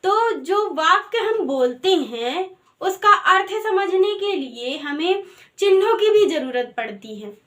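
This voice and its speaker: A woman's voice: very high-pitched, animated, slow pace, fairly bright tone. A woman teaching a grammar lesson in a patient way, asking the class questions and answering them herself.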